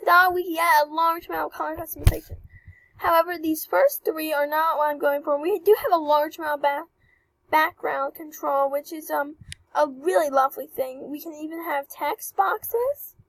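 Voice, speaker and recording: A young woman chatting excitedly through a walkthrough of an avatar creator, with apologetic asides. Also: high voice, moderate pace, no echo, low-quality recording. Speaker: channel host reviewing avatar creators. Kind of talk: casual screen-recording walkthrough.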